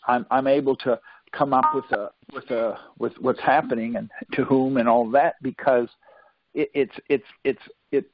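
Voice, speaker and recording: Leading a conference call as a teacher, a man speaks unhurriedly in a steady, mid-range voice. His informal teaching is folksy and insistent, and he keeps asking whether listeners are with him. It comes through a phone conference line as dull, lo-fi audio.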